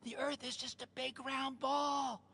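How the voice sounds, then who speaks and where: A man's voice: very high-pitched, little pitch movement, a little slow, creaky, bright, forceful tone, slight background noise, heavily acted. An actor playing a frantic, drug-addled man on a bad trip, rambling and swearing in panic. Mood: panicked, pleading. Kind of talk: action drama acting.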